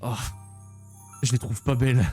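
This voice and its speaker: Un homme qui commente sa partie de jeu vidéo de façon décontractée, joueuse et pleine d'exclamations. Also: male voice, mid-range voice, fairly even intonation, a little slow, darkish tone, faint music behind. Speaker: video game streamer. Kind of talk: casual gameplay commentary.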